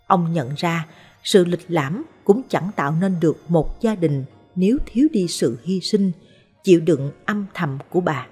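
A woman narrating short life stories in a calm, measured, scripted way. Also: fairly low pitch, breathy edge. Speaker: storyteller. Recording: soft background music.

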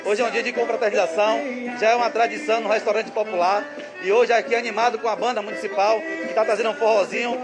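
A man's voice: high-pitched, steady tone, fast. A man, a city official, giving upbeat talking points in an outdoor TV interview. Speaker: municipal secretary. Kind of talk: interview on live TV. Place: outdoor community restaurant with band. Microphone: reporter's handheld mic, masked. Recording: forró music playing behind.

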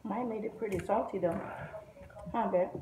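Dishes clatter loudly around a middle-aged woman's voice in a roomy space. She speaks at a medium pitch, chatting casually with family over dinner. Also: normal speed. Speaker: mother at the family meal. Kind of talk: casual chat. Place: home dining room, indoors. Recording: roomy, very noisy with dish clatter. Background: clinking dishes and pots.

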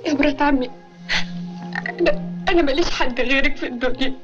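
A timid, lovesick young woman, played by an actress falters and pleads in a high Egyptian Arabic voice. The old film recording is dull and muffled, with a loud score underneath. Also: fast, music in the background, close to an everyday voice. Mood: pleading. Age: young adult. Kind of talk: classic film acting.

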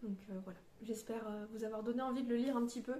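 A woman's voice: a little high, steady tone, fast, warm tone, reverberant, slight background noise. Hesitant French-speaking woman reviewing a book. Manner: hesitant, searching for words with many fillers. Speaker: book vlogger. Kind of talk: casual book review vlog. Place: on a beach.

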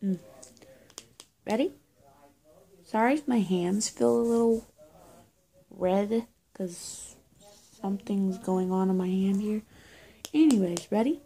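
Filmed on a phone or webcam at arm's length in a small bare-walled room, a young roleplay video creator improvises as a witch tending to someone who's hurt. Her mid-range voice has a soft, dark tone, and she speaks unhurriedly and haltingly, breathy and often close to a whisper.

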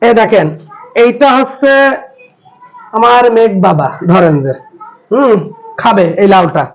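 Man, family vlogger, high voice, chatty and teasing, talks straight to his viewers. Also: lively intonation, unhurried, rough recording. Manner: chatty, teasing, repeats a catchphrase. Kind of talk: casual family vlog.

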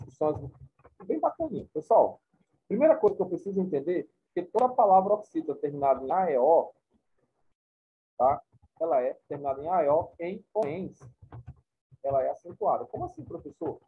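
A man gives a classroom lecture in a somewhat high, husky voice, repeating his points and checking in with the class. The recording is thin and phone-like. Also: animated, moderate pace, pauses often. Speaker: teacher.

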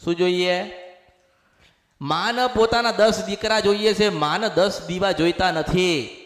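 High-voiced man preaching in an echoey hall. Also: unhurried. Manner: speaks as the mother goddess, repeating exhortations. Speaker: temple medium and preacher. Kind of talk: devotional sermon.

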